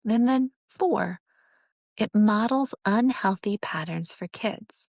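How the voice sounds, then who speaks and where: Woman, earnest teaching tone, gravelly fry, mid pitch, dry close sound. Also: slow, darkish tone, dry recording. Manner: earnest, instructive, acts out sarcastic examples. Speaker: host. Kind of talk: teaching monologue on relationships.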